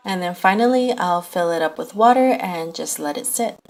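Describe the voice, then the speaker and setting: A woman's voice: fairly low pitch, animated, normal speed. A young woman giving an informal, conversational recipe voice-over as a home cook. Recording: faint background noise.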